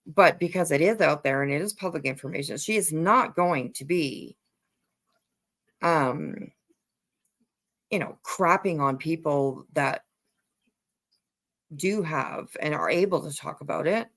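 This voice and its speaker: This livestream host is a woman with a low, unhurried voice, a fairly bright tone and frequent pauses. Her casual commentary is blunt and emphatic, with repeated phrases for emphasis and casual swearing.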